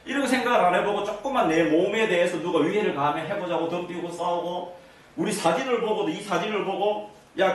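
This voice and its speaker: A man giving an interactive lecture to an audience, constantly asking them either-or questions. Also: high voice. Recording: echoey room, mic at a distance.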